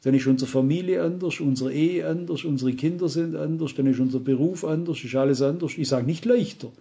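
A man's voice: a little high, fairly quick, vocal fry, warm tone. A male preacher giving a sermon, earnest and emphatic, often turning to the congregation with direct questions. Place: church service.

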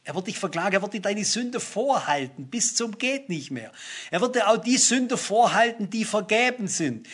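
A man's voice: high-pitched, very animated, normal speed, fairly bright tone, slightly rough. A man preaching a sermon, reading Bible verses aloud and explaining them earnestly and emphatically.

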